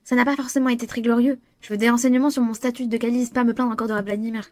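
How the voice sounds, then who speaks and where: A young woman reading game dialogue aloud and reacting excitably, often swearing and restarting lines. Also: a little high, fast. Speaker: gamer. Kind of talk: playing a visual novel aloud.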